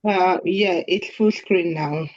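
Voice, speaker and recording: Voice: mid-range voice, slow, dry recording, muffled recording. A host on a video call handing over to the speaker and checking audio and screen sharing with brief, practical remarks. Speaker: webinar host. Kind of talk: hosting an online meeting.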